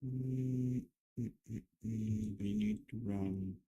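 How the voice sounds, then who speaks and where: A man's voice: medium pitch, sing-song, takes it slowly, creaky, mellow, rough recording. A young man mumbling to himself as he talks through building a 3D model on a stream. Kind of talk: casual thinking aloud while modeling.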